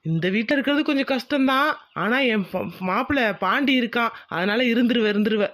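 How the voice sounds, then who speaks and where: High and quick, this is a man playing a chatty village buddy in a cartoon, chummy and full of praise for his friend. He talks in a rapid, friendly patter. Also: lively intonation, fairly bright tone. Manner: chummy, admiring. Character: loyal young male village friend, chatty.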